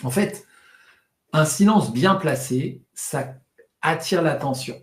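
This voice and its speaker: Guy running a public speaking class online, talks fast, mumbles a bit, acts out examples, echoey room. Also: on the high side. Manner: demonstrative, exaggerates loud, fast and monotone delivery for effect; tends to talk fast and swallow words. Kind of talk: live online training session.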